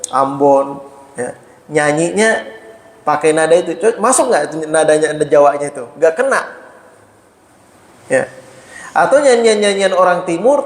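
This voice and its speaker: A man preaching in a mosque, explaining Arabic terms and asking his listeners questions, with "ya" after nearly every phrase. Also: fairly high pitch. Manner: explains Arabic terms slowly, frequent "ya" tags; asks listeners rhetorical questions. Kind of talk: mosque study talk. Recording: echoey mosque hall.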